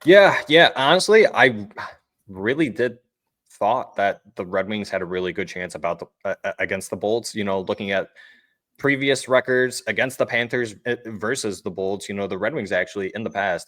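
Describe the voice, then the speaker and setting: Deep voiced guy hosting a sports podcast from a home mic, easygoing, dry sound. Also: no echo. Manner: easygoing, steady, asks his co-host questions. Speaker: podcast host. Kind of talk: casual sports chat. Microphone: home desk microphone.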